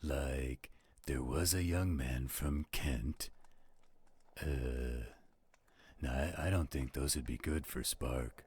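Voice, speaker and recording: Playing a fatherly werewolf who is gruff but gentle, a man uses a deep, gravelly, husky voice and unhurried delivery in an intimate audio roleplay. The voice is exaggerated, and the mood is relaxed and teasing.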